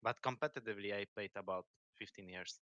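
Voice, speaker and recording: Bright-voiced man in his late twenties. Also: fairly low pitch, quick pace, no echo, highs cut off. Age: 20s. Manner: relaxed, chatty storyteller, laughs easily. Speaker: guest, pro gamer. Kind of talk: casual interview chat.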